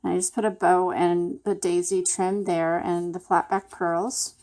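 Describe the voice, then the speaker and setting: A woman hosting a craft channel, casually walking through a handmade project step by step in a relaxed, chatty way. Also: lowish voice, measured pace.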